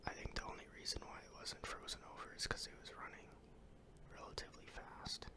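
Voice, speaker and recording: Asmr whisperer rambling about their day, all airy whisper, lots of ums and cussing. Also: brisk. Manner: unvoiced whisper throughout; rambling and casual, with ums, swearing and restarts. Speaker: YouTuber.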